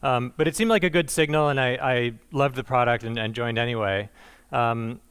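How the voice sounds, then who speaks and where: A man's voice: mid-range voice, fairly even intonation, moderate pace, a bit bright, smooth. A man giving a conversational conference presentation, with frequent fillers and restarts and a dry, self-deprecating humor. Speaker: conference speaker.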